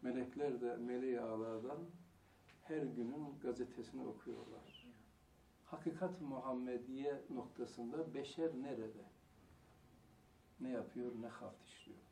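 A man giving a religious lecture, asking rhetorical questions and answering them himself, and stressing single words slowly. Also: medium pitch, vocal fry, mellow. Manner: slow, deliberate emphasis on single words. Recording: echoey room, mic far off, faint hiss.

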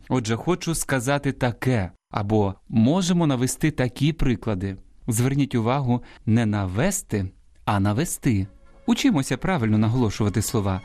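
Male radio host giving a language lesson; mellow tone, animated intonation, patient and didactic. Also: medium pitch. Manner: didactic, corrects common mistakes word by word. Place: radio studio.

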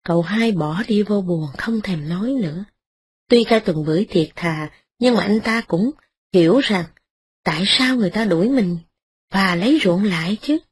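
A woman narrating a story as an audiobook in a steady, even manner. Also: mid-range voice, normal speed, slightly rough.

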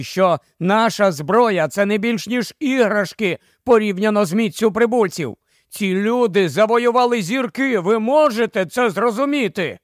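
A man's voice: fairly high pitch, dry recording, clean studio sound. A man voicing an irate, blunt scientist who scolds the council. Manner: angry, blunt.

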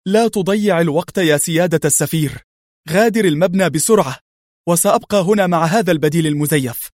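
Stern calm hero agent, read by a man. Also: fairly high pitch, fast talker, no echo, clean studio sound, close to an everyday voice. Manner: firm and controlled.

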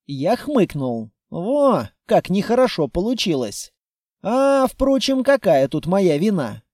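A man narrates a first-person audiobook in a high, soft voice. His reading is even and unhurried. It is recorded dry and close. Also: dry recording.

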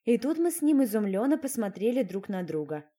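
A woman narrating a first-person audiobook in a lively, expressive way. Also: on the high side, a little fast, breathy edge.

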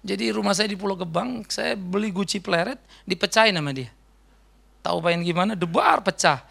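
A middle-aged man preaching a sermon as a pastor, in a conversational, animated way. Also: high-pitched, a little fast, creaky, husky. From Indonesia. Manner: conversational, animated storytelling with mimicked voices.

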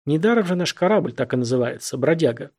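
A man's voice: a little high, expressive, fast, darkish tone. A man voicing a young, easygoing male starship captain in an audiobook. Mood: thoughtful. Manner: light, bemused.

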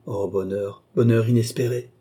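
Lovesick young man, humble, pleading, read by a man with a husky, warm tone. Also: fairly low pitch, steady tone, moderate pace. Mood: stammering. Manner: pleading, humble, breathless apologies. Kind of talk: audiobook character voice.

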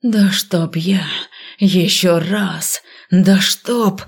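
A woman's voice: deep voice, takes it slowly, creaky, a little mellow, husky, pitched below the performer's own voice, exaggerated voice. A woman voicing a stern, furious male university dean who growls his threats.

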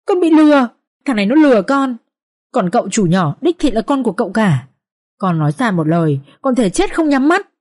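A woman voicing a young servant woman who cries and begs for mercy in a high, wailing voice. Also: big pitch swings, fairly quick, darkish tone. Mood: tearful pleading. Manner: wailing, begging. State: crying. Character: young servant woman caught in adultery, pleading.

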